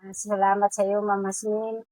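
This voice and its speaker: A woman's voice: mid-range voice, little pitch movement, moderate pace, warm tone, no room sound, low-quality recording. Chatty grateful mother. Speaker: parent of the sponsored student. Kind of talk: casual thank-you.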